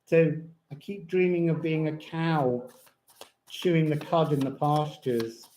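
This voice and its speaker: High-pitched man with toothless, slightly slurred speech. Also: a little slow, darkish tone, slight background noise, poor audio. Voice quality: toothless, slightly slurred articulation with lips over gums. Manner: rambling, whimsical, breaks into bits of song. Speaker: live stream host and tarot reader. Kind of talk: casual live chat with tarot and astrology reading. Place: indoors at home.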